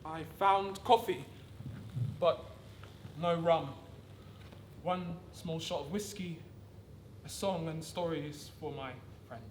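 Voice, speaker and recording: A woman giving a rehearsed dramatic reading of wartime letters, measured, with deliberate pauses. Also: sits low. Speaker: actor reading a monologue. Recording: distant, echoey room with background noise.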